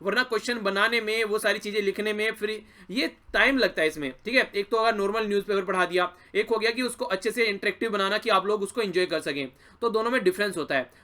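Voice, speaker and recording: Fast, bright-voiced male current affairs teacher. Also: high voice. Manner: chatty, encouraging, addresses viewers directly. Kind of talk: exam-prep news lesson.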